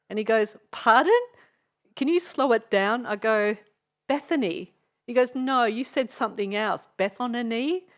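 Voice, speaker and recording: A middle-aged woman with an Australian accent, guesting on a podcast as a DJ and radio host. She talks casually and at length, stopping often to gather her thoughts and laughing along the way. Her pitch sits in the ordinary middle range for a woman. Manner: chatty, rambling, with frequent hesitations and laughs. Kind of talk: casual storytelling in a podcast interview.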